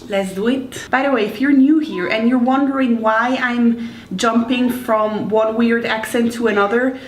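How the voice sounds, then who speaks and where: A fairly high, evenly intoned woman's voice at moderate speed belongs to the host of a home baking vlog, who has a Swiss accent and is from Switzerland. Chatting informally to camera in her kitchen, she's playful and pokes fun at herself, with the sound echoey, distant and faintly noisy.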